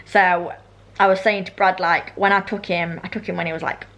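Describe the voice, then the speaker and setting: A woman's voice: on the low side, fairly even intonation, normal speed, fairly bright tone, muffled recording. A young British woman chatting casually and ramblingly in a vlog, her speech slightly slushy from braces with elastic bands. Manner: rambling, self-interrupting, informal. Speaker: vlogger.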